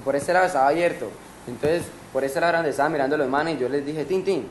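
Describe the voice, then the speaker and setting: A man's voice: on the high side, quick pace. A Colombian man in his early twenties being interviewed, telling a rambling street story full of slang and sound effects. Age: early 20s. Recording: noisy background.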